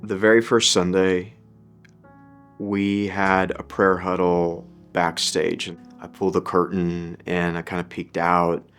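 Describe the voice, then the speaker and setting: A man's voice: low voice, level tone, slow pace, fairly bright tone. A man in his thirties from Ukraine, a pastor telling his story in an earnest, reflective way. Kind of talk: testimony interview. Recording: music bed under voice.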